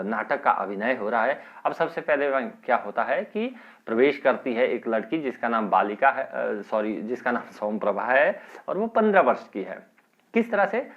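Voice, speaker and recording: Animated male teacher on a tinny line. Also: mid-range voice. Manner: reads Sanskrit lines then explains them in Hindi, often adding "ठीक है". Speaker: Sanskrit teacher. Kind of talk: online lesson explaining a Sanskrit text line by line. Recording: tinny phone-like audio.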